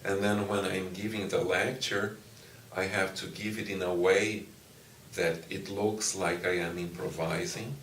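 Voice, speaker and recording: A middle-aged Brazilian university professor, a native Portuguese speaker, gives interview answers slowly and thoughtfully in a very low, slightly bright voice with flat delivery. He pauses often, restarts, and says "you know" frequently. The audio comes from a distant mic in an echoey room, with faint ambience and a little hiss or hum.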